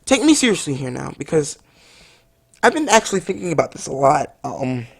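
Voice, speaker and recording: A woman's voice: low voice, sing-song, fairly quick, gravelly, breathy edge. A woman delivering an overdramatic, mock-earnest parody review monologue as a game reviewer.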